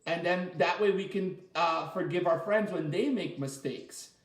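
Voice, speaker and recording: Kids gather for a chatty, interactive story time led by a high-voiced male martial arts coach, recorded in an echoey room. He encourages and praises them, keeping explanations slow, simple and repetitive.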